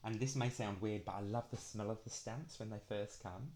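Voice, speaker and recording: A young man talks in a low, deep voice. He chats casually as he shows craft supplies, and his s sounds come out long and drawn out. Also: steady tone, moderate pace, a little mellow. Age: young adult. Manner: drags out the s sounds. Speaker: craft planner vlogger. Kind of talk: casual chatty product walkthrough.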